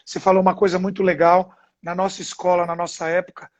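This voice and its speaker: A man's voice: sits high, flat delivery, fast talker, lo-fi sound. A Brazilian man, a father and guest, explaining earnestly with everyday examples in a casual chat. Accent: Brazilian Portuguese. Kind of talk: casual video-call chat.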